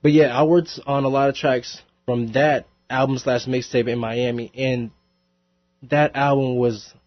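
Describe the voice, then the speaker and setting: Interviewed at a college radio studio, a young rapper chats casually, laughing often and rambling with plenty of fillers. His mid-range voice has fairly even intonation and a slightly slow pace. The recording is dry and slightly dull, without echo.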